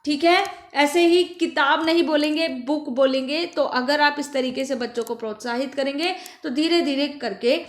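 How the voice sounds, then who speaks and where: High-voiced woman teaching phonics, echoey room. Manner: asks questions and answers them herself, repeats words slowly. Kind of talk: primary school phonics lesson.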